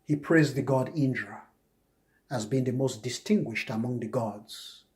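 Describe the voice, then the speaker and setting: A man giving a spoken commentary lecture on scripture, emphatic and repetitive, often jumping up high to act out mock questions. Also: unhurried, darkish tone. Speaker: religious commentator.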